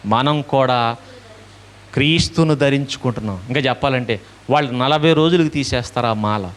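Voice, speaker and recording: A man's voice: medium pitch, a bit bright. A male preacher giving a sermon, asking questions and answering them himself while acting out little dialogues.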